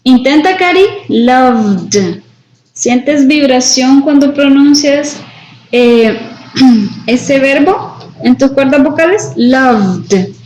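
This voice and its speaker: Woman teacher, slightly high voice, very slow explanatory delivery, frequent check-in questions, echoey lo-fi recording. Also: steady tone, a little mellow, slight background noise. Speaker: English teacher. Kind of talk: classroom lesson, mixing Spanish and English. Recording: echoey room, dull lo-fi sound.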